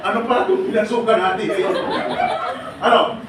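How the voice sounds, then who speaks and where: A man with a high voice leads a seminar for workers heading abroad, talking fast and cracking jokes with frequent laughs. He is picked up from a distance in a strongly echoing hall. Heavy noise fills the room behind him. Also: fairly even intonation. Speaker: seminar speaker for departing workers. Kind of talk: lively seminar talk to a crowd. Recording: echoey noisy hall from far off. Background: loud room noise.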